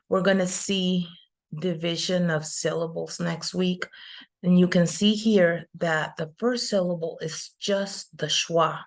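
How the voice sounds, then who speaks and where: Patient woman teacher, lowish voice, unhurried explanations. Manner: patient, explains step by step with fillers. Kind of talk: online class lecture.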